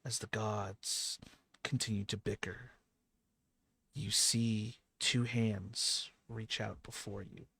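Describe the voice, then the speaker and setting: A man narrating a tabletop role-playing game as game master, describing scenes with frequent pauses. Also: fairly low pitch, little pitch movement, creaky, bright, forceful tone, husky.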